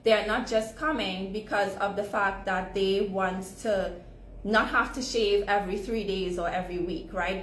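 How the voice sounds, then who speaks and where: A woman from Trinidad and Tobago with a Trinidadian accent, teaching a live online session on skincare for hair removal in a conversational way, often ending points with "right?". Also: medium pitch. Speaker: sugaring educator. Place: home at evening, live stream. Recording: roomy echo, faint background noise.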